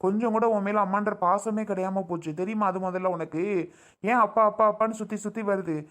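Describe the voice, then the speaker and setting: Guy playing a gruff angry dad, snaps at his wife, sticks up for his daughter. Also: sits high, fairly even intonation, brisk, fairly bright tone. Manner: gruff, scolding. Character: gruff father defending his daughter, quick-tempered. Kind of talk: family drama skit.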